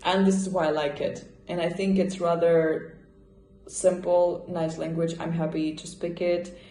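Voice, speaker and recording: A woman's voice: on the low side, level tone, measured pace, warm tone, slight background noise. Woman chatting casually in an echoey room. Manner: thoughtful, with fillers and restarts. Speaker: vlogger. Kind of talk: casual vlog chat.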